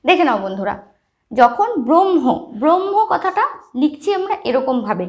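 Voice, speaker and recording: A woman's voice: high-pitched, big pitch swings, moderate pace. A woman teaching a lesson, explaining step by step and checking often with the listener. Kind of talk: lesson on writing and pronunciation.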